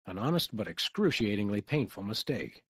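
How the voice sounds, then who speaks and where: A man playing a wry, unflappable detective hero in a video game, with a dry, wordy, deadpan manner. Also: lowish voice, normal speed, breathy edge.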